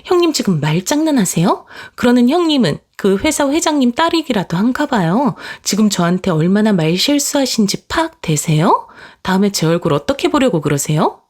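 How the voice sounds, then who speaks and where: A woman voicing a smug young woman doctor, a sister-in-law who mocks and sneers in a shrill, mock-pitying way. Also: sing-song, moderate pace, few pauses, darkish tone. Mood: indignant.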